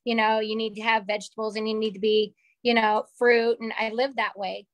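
Speaking briskly on a webcam call from a small room in her home, a woman in her forties offers a chatty, candid personal testimonial while gesturing. Her voice is slightly raspy, fairly high and level in tone. No room sound comes through.

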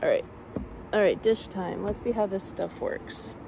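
Unhurried and gravelly, her mid-range voice comes through over background noise. She's a young woman who lives in her car, vlogging casually at a forest campsite with a phone held at arm's length, musing aloud with frequent fillers.

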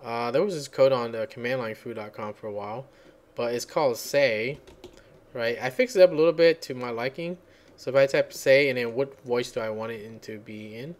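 Casual tutorial host, male, mid pitch, rambling, talks while typing. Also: fairly quick. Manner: rambling, thinks aloud and searches for words. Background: computer keyboard typing.

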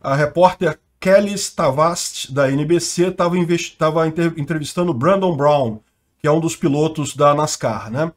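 A man's voice: a little high, moderate pace. A man with a Brazilian Portuguese accent, hosting a channel and commenting on the news in a chatty, slangy way, laughing often. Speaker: channel host.

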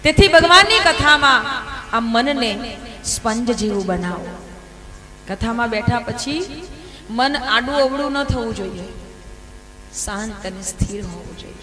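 A woman telling devotional scripture stories as a sermon, lively, with rhetorical questions and acted quotes. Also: a little high, unhurried, long pauses, long reverb tail, music in the background, poor audio. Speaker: religious storyteller. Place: large hall at a temple event.

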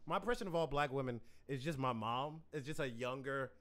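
A man's voice: mid-range voice, brisk, fairly bright tone. A man hosting a casual interview, joking and teasing his guest and laughing often. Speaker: host.

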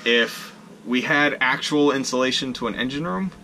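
This sailing vlogger is a young adult man explaining his boat gear from a small wooden cabin, filmed at arm's length. His manner is casual, practical and self-deprecating, and his mid-range voice has a sharp tone at a moderate pace. A little hiss or hum can be heard.

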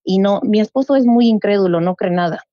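A middle-aged woman, telling a true story in a casual, animated way and acting out the voices she quotes. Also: medium pitch, brisk, no echo. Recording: dull lo-fi dry sound.

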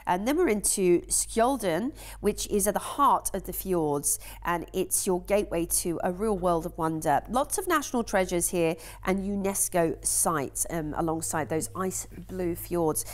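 An English woman with a slightly low voice hosts a TV shopping segment. She talks in a chatty, enthusiastic way and fills her pauses with ums, recorded on a studio mic. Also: lively intonation. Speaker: cruise sales presenter. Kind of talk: TV shopping channel presenting.

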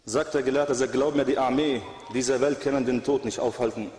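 A man's voice: mid-range voice, fairly even intonation, a little fast, a little mellow. A man preaching a sermon in an earnest, exhorting manner, recorded with echoey hall reverb.

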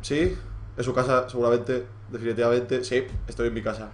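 A young man with a Spain Spanish accent giving live gameplay commentary as a streamer, excitable and joking, swearing freely as he plays. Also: mid-range voice, fairly quick. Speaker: gaming streamer.

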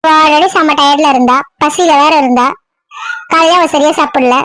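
A woman acting in an audio drama, scolding and bossy with a sharp tongue. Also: high voice, moderate pace, slight background noise.

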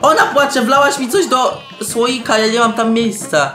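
A young man giving excitable let's-play commentary, shouting, laughing and tossing in English slang. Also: very high-pitched, measured pace. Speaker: gameplay commentator. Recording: roomy echo with faint game music.

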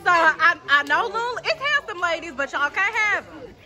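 A woman's voice: very high-pitched, animated, normal speed, sharp tone. A young woman vlogging, talking casually and playfully as a college student, laughing and hyping up her friends. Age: young adult. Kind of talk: casual vlog chat. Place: outdoors on a busy campus. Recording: crowd noise outdoors.

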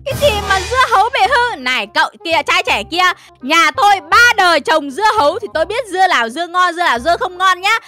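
A woman's voice: very high voice, big pitch swings, fast talker, few pauses, sharp tone, faint music behind, full character voice. Woman doing a shifty male watermelon vendor. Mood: indignant. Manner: stammering, defensive bluster.

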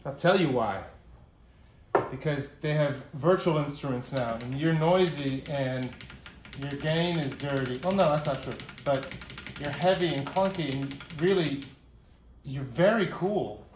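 A man's voice: fairly high pitch, unhurried. A middle-aged man from New York with a New York accent, rambling casually and joking while he works on his gear. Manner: rambling, jokey asides, talks to his gear. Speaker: synth repair vlogger. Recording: roomy room, faint hiss.

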